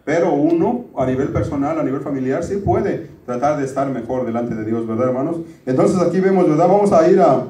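A man's voice: fairly high pitch, expressive, fairly quick, few pauses, dark tone, a little hiss or hum. A middle-aged man preaching a sermon as pastor, talking to the congregation in a conversational way and often calling them brothers. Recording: roomy, distant church recording.

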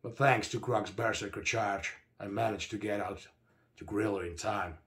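Male narrator, low voice, gritty first-person storytelling, expressive and coarse. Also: moderate pace.

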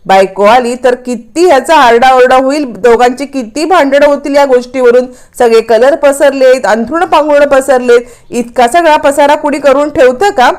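A woman's voice: high-pitched, moderate pace, few pauses, darkish tone, close to an everyday voice. Woman narrator doing nagging worried mom; storybook recap. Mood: fretting. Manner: scolding, fretting. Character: fussing middle-aged mother, scolding and worried.

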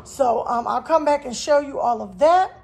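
A woman with a high, darkish voice vlogs a grocery haul in her home kitchen at normal speed, filming on a handheld phone. She chats casually to camera, saying "you guys" and "um" a lot.

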